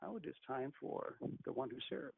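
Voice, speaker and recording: A man leading a guided breathing meditation as a channeler on a group call, speaking in a measured, commanding, instructive way. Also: medium pitch, lively intonation, creaky. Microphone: conference call phone. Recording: tinny phone line with faint hiss.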